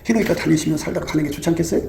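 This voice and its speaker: A man's voice: a little high, rapid-fire, vocal fry, darkish tone. A man preaching a sermon, emphatic, full of rhetorical questions and quoted voices. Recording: echoey room with faint ambient noise.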